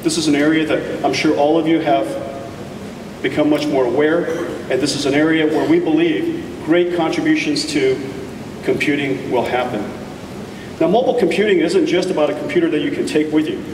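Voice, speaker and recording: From a large conference hall stage, a man with a voice on the high side delivers an enthusiastic tech keynote, deliberate and marked by emphatic pauses. Taped from the audience, the recording is echoey, noisy, and far from the mic.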